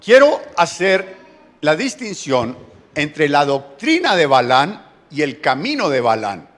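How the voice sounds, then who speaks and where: Animated preacher in a reverberant hall. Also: male voice, fairly high pitch, slow. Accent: Colombian Spanish. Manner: animated storytelling, acting out quoted voices. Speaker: pastor. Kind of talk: sermon.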